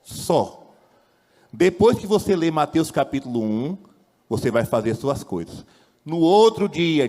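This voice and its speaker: A priest giving a fiery sermon, swinging widely between loud high exclamations and low quiet phrases, asking rhetorical questions and leading the congregation in call-and-response. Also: male voice. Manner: impassioned preaching with wide swings in pitch and loudness, rhetorical questions. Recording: long church reverb.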